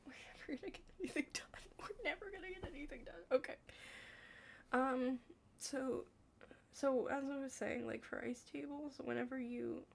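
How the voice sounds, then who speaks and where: In a high, gravelly voice, a young woman plays an ASMR study partner, rambling casually and haltingly. She whispers at times, keeps things hushed, and leans heavily on "like."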